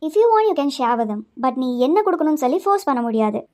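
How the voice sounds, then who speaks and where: Someone doing a whiny high-pitched schoolkid. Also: very animated, a little fast. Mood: indignant. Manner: whiny and emotional, bright and loud. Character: selfish schoolkid Jess who learns to share. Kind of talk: kids puppet show acting.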